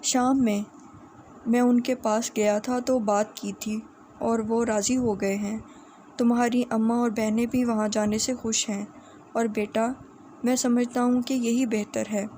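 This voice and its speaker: A woman's voice: fairly high pitch, level tone, warm tone, slight background noise, close to an everyday voice. Woman reading a kindly older uncle.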